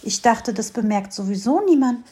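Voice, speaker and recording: A woman voicing a shy, gentle blind male mole in a storybook reading, talking softly and wistfully. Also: a little high, lively intonation, moderate pace, close to an everyday voice.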